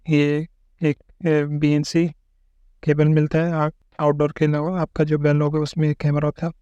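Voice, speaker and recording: A tech reviewer with a slightly high, dark, smooth voice narrates an unboxing and setup tutorial, explaining each part step by step. He checks in with the viewer often and keeps repeating "ठीक है". The recording is dry, with the highs cut off.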